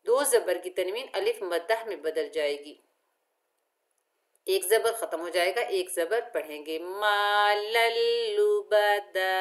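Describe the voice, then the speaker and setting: A woman teaching Quran recitation, spelling out each letter and repeating syllables patiently for the learner. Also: lowish voice. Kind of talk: tajweed lesson, spelling out letters.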